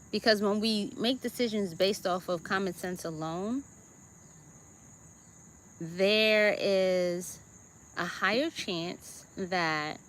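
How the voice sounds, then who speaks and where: Slow, bright-voiced Jamaican woman teaching. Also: medium pitch, a little hiss or hum. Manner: deliberate, checks in with listeners with "okay?" and "right?". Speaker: host. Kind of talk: spiritual self-help talk.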